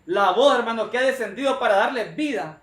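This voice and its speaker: A male preacher delivering an emphatic, repetitive sermon and often addressing his listeners as brother. His voice sits high, and it rings through an echoey room. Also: lively intonation, fairly quick, a bit bright.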